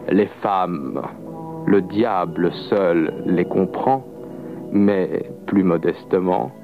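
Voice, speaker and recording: Sly grumbling devil, put on by a man, slow sighing delivery, low voice, tinny radio sound. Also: music in the background, exaggerated voice. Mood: rueful. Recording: muffled lo-fi radio recording.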